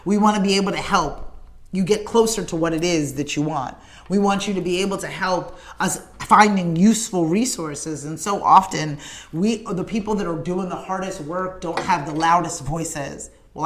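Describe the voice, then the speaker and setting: With a lowish voice at normal speed, a woman running a morning livestream show makes an emphatic, earnest pitch to her audience. Her direct-to-camera appeal has a repetitive rallying cadence, and she greets commenters by name.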